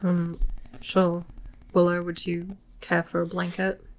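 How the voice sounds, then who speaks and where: A woman playing a tabletop game, speaking hesitantly and politely in character, with frequent pauses. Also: on the low side, completely flat delivery. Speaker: player.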